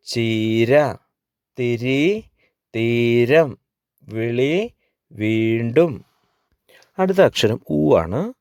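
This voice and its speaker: A man, a teacher, slowly leading children through a spelling lesson and repeating each sound and word with patience. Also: medium pitch, warm tone, no room sound, studio quality.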